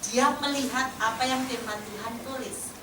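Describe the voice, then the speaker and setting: A woman pastor preaching a sermon, telling stories with lively acted-out dialogue. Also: fairly high pitch, normal speed, background noise. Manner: animated storytelling that acts out quoted dialogue. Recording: echoey hall, distant mic.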